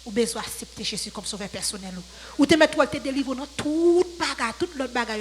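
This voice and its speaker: A woman's voice: sits high, animated, fairly quick, slight background noise, rough recording. A woman with a Haitian accent giving a fervent, repetitive sermon exhortation to a church congregation. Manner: fervent, repetitive preaching with call-outs to the congregation. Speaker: church speaker.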